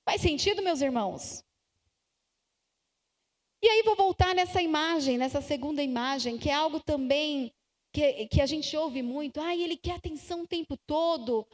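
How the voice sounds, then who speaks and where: A Brazilian woman giving slow, emphatic advice to parents at a church family conference, acting out little dialogues. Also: high-pitched, darkish tone. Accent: Brazilian Portuguese. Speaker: conference speaker. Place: church hall. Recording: church hall with long reverb.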